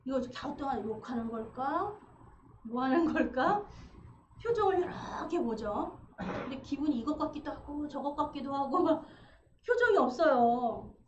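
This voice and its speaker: A woman preaching a sermon in a church, animated and acting out the voices she quotes. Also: high voice, moderate pace. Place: church sanctuary. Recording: roomy, slightly dull livestream with faint hiss.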